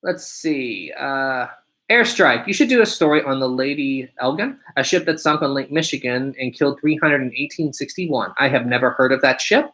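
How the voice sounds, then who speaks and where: At a moderate pace, a deep-voiced young man hosts a relaxed live stream where he reads out viewer questions and answers them one by one. His voice sounds pushed and bright.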